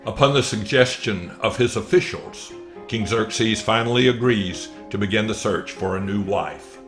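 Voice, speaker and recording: A man giving formal, measured narration for a mock documentary. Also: lowish voice, fairly bright tone, faint music behind.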